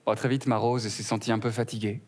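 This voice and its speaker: A man's voice: fairly low pitch, little pitch movement, fast talker, a little mellow. A young man performing a stand-up routine, telling a story full of wordplay and acting out both sides of a conversation. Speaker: stand-up comedian.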